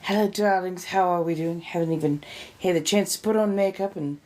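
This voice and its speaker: This livestream host talks briskly in a fairly low, slightly mellow voice. Between snacks and sips she chats away, greeting her viewers with effusive, theatrical pet names.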